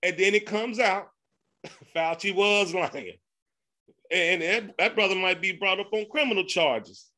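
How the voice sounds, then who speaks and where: Male podcast host, relaxed chat, laughs easily, slightly higher voice with a forceful bright edge. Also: a little slow. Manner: loose, laughing, repeats 'man'. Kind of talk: casual conversation.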